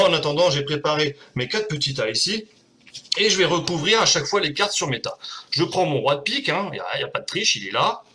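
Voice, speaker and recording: A chatty man hosting a homemade live stream, with a high voice that swoops up and down as he talks. His tone is bright and forceful. He is self-mocking and swears freely. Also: a little hiss or hum. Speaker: host of a home live show. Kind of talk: casual live-stream chat while doing a card trick.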